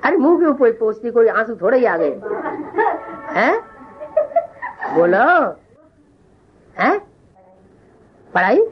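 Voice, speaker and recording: A woman teaching a religious scripture lesson, often pausing to question and tease her listeners. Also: on the high side, big pitch swings, dull audio, very noisy. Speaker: spiritual class teacher.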